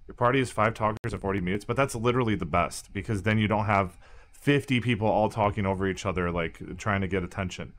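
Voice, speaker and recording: A man's voice: lowish voice, fast talker, a bit bright. A man streaming, chatting casually and swearing as he gives a guided tour.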